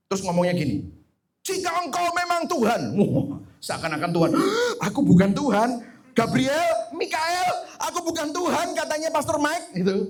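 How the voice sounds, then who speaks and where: A male pastor preaching a sermon, acting out prayers in quoted voices. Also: a little high.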